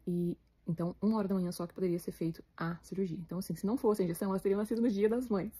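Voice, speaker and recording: Rapid-talking Brazilian woman vlogger. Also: medium pitch, steady tone, mellow, slightly rough. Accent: Brazilian Portuguese. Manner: rapid, chatty, emotional retelling. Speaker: vlogger, new mother. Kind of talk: casual storytelling to viewers.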